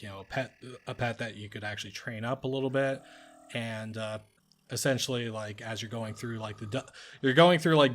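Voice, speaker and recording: A man's voice: medium pitch, fairly bright tone. A man co-hosting a casual podcast, rambling with lots of "like" and filler words. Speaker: podcast co-host. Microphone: podcast microphone.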